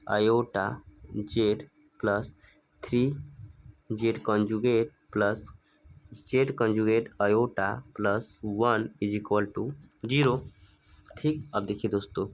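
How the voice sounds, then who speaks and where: Male maths teacher, patient step-by-step explainer using rhetorical questions. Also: mid-range voice. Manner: asks rhetorical questions and answers them; slow, stepwise working-through. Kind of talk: spoken maths lesson.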